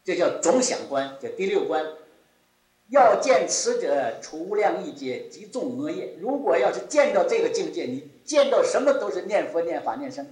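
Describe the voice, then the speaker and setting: Lively, echoey Buddhist teacher, a man. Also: sits high, moderate pace. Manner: rises and drops sharply, repeats key phrases. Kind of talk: Buddhist dharma talk.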